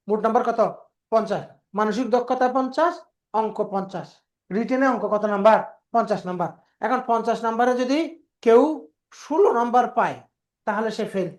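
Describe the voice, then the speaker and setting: A woman teaches an exam prep lesson. Her voice sits at a middle pitch, and she explains step by step, repeating key words and putting questions to the class before answering them herself. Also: a little mellow. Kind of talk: classroom lecture.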